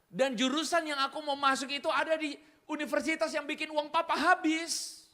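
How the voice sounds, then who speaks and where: A male pastor voicing a tearful teenage girl just out of high school, high and pleading. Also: fairly even intonation, normal speed, sharp tone.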